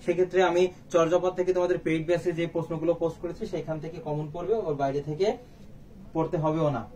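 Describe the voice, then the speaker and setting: A man's voice: on the high side, flat delivery, quick pace, a little mellow. A man teaching a live online exam-prep class, asking questions and then answering them himself. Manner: quizzing, rhetorical questions and answers. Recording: faint background noise, slightly distant mic.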